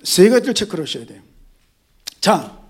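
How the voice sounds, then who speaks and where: A male pastor giving an animated sermon, addressing the congregation directly, repeating key words and mixing in jokes. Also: sits high, normal speed.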